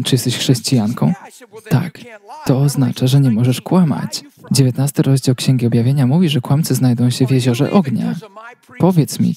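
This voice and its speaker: A man reading a translated sermon as a voice-over, telling it as a steady story. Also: medium pitch.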